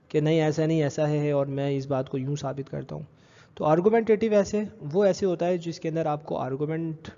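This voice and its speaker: A man's voice: a little high, mellow. Man teaching over a dull echoey recording. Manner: explains slowly, repeating terms in two languages; checks understanding with short questions. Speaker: college teacher. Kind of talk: recorded slide lecture.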